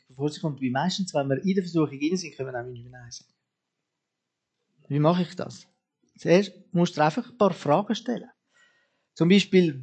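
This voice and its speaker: A man's voice: on the high side, breathy edge. A man preaching a sermon, talking straight to his listeners and firing off repeated questions at them.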